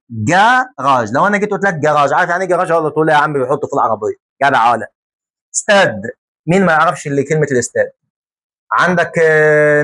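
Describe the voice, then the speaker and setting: Animated Egyptian teacher drilling words. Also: male voice, a little high. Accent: Egyptian Arabic. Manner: animated, jokey, drills words by repeating them slowly. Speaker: French teacher. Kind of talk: lively classroom lesson.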